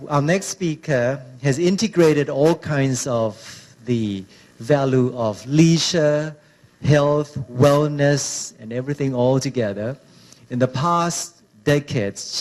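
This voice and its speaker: A male MC makes a formal introduction at a medium pitch. His phrasing is measured, with hesitations as he searches for words. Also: darkish tone. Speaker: master of ceremonies. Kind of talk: formal speaker introduction at an event.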